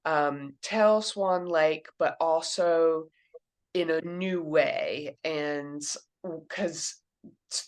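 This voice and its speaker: Woman, 30s, from Kentucky, low-pitched author answering thoughtfully for a young interviewer. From Kentucky, USA. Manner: thoughtful, explains things simply to a child. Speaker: children's book author.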